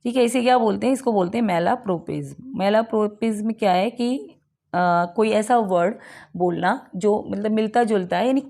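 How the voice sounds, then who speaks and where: A woman teacher explaining English literary terms for an exam, reading definitions slowly and then going over them in mixed Hindi and English with lots of rhetorical questions. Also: mid-range voice, gravelly, dark tone.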